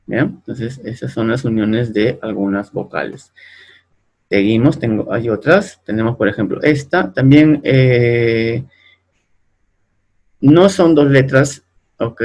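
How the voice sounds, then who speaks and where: A man's voice: medium pitch, a little mellow. A man teaching French pronunciation in a lesson, patient and repetitive, often checking in with the learners. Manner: patient, repeats words slowly, ends sentences with "¿no?" and "¿bien?". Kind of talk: explaining French pronunciation to Spanish speakers.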